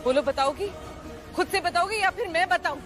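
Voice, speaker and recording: A woman's voice: very high-pitched, moderate pace. An Indian actress playing a furious, haughty middle-aged mother who makes pointed accusations in a TV soap, over dramatic music. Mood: accusing. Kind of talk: melodramatic TV soap acting.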